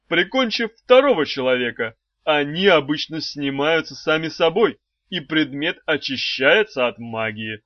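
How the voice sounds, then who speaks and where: A man's voice: fairly high pitch, no room sound. A genteel old brain-eating shopkeeper, played by a male storyteller, drawing out his syrupy politeness in a slightly raised, wheezy voice. The audiobook sound is dry and somewhat dull. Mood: unctuous. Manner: slow, sugary, polite.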